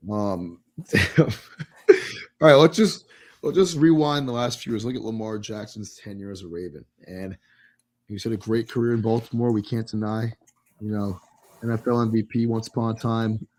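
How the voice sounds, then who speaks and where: New guy with a lowish voice, chatting football, lots of "you know"s. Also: normal speed, darkish tone. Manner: loose, filler-heavy, joking. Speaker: podcast co-host. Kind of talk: casual sports talk.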